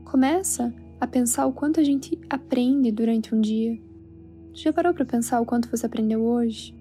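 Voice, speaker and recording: A Brazilian woman guiding a sleep meditation in a soothing, hushed, spa-like manner. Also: a little high, moderate pace. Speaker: meditation guide. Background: soft background music.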